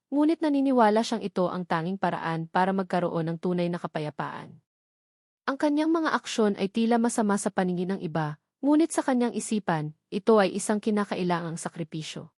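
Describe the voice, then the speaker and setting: This is a clean, dry studio recording of a female story narrator with a Filipino accent reading a scripted romance drama. Her voice is medium-pitched with a darkish tone.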